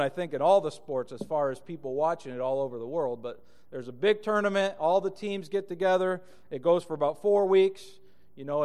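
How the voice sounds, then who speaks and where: A man from Argentina preaching a sermon as a pastor, earnest and emphatic, slowing down to read scripture aloud. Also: a little high, long reverb tail.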